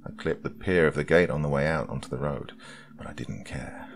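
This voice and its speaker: A man narrating a scripted first-person horror story in a slow, hushed storytelling delivery, recorded close on a studio mic. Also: extremely low pitch, gravelly, a little hiss or hum.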